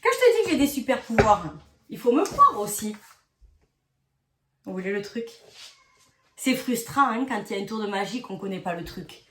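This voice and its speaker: A woman's voice: on the high side, big pitch swings, normal speed, pauses often, fairly bright tone, roomy sound, recorded from a distance, slight background noise. A young adult woman vlogging casually at home, joking and teasing the viewers as she shows a painting craft. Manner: playful, joking, self-mocking. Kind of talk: casual chatty vlog. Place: home bathroom workspace.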